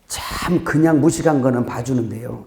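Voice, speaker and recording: Gravelly-voiced man preaching in an echoey hall. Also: medium pitch, normal speed. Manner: animated preaching, sudden loud rises and quiet drops, laughs at own jokes. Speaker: pastor. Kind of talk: sermon.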